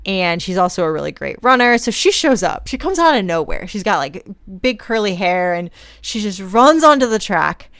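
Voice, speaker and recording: A woman's voice: mid-range voice, big pitch swings, normal speed, a bit bright, dry recording, studio quality. A young woman hosting a podcast, telling a personal story in a casual, chatty way with plenty of "like"s. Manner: casual and chatty, many fillers like "like". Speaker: podcast host.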